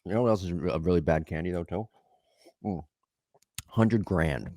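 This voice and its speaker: A middle-aged man with a very deep, gravelly voice jokes and banters as a podcast co-host. His talk is casual and crude, and the close mic sounds dry. There is no room sound around him. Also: lively intonation, normal speed, dark tone, dry recording.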